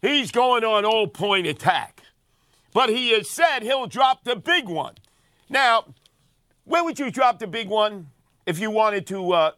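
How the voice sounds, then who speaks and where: Older New man, comic talk host, sarcastic and brash, bright edgy tone. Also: sits high, dry recording, clean studio sound. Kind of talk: comic talk radio monologue.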